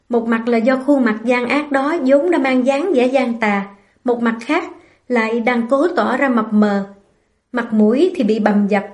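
Woman, audiobook narrator, scripted novel reading, mellow, slightly high.

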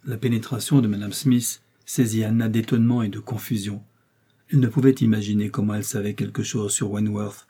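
Man reading a novel, dark husky voice. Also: on the low side, fairly even intonation, a little fast. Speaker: audiobook reader. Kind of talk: novel narration.

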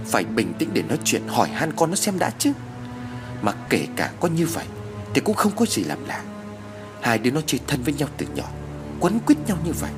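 A man's voice: a little high, sing-song, fairly quick, over music, voice pushed up. A man voicing a stern older village father who lectures firmly. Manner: firm, lecturing.

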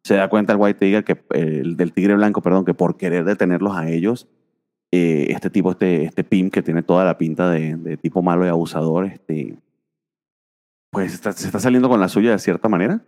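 A man's voice: low voice, normal speed, darkish tone, in a large hall. A man co-hosting a casual podcast about comic books, rambling with many fillers. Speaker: podcast co-host.

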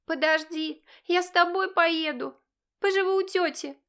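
A woman's voice: very high voice, a little slow, bright, forceful tone, pitched above the performer's own voice, full character voice. A woman reading an audiobook, voicing a brazen, venomous teenage girl with sarcastic defiance. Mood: mocking. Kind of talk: audiobook character voice.

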